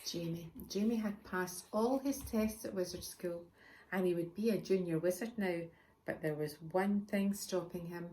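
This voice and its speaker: A woman, the author, reading her picture book aloud to children, expressive and chatty with asides to her listeners. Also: fairly low pitch, normal speed, a little hiss or hum. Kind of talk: children's storybook read-aloud.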